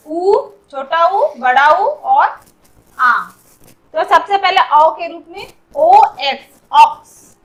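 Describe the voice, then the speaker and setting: High, bright-voiced woman teaching slowly. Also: rough recording. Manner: slow, careful, repeats each word several times with its meaning. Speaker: English pronunciation teacher. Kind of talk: explaining pronunciation rules.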